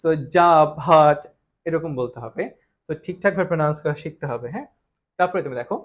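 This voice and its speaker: A man's voice: on the high side, lively intonation, rapid-fire. A young man teaching an English grammar class, explaining step by step, mixing English words into his talk and often asking his students questions.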